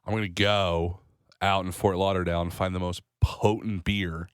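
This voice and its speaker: A man in his thirties co-hosting a morning show, telling rambling, animated stories with a slight cold. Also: low-pitched, normal speed, clear, resonant tone, no echo, clean studio sound. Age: 30s. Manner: rambling, animated storytelling with restarts. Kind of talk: casual radio chat.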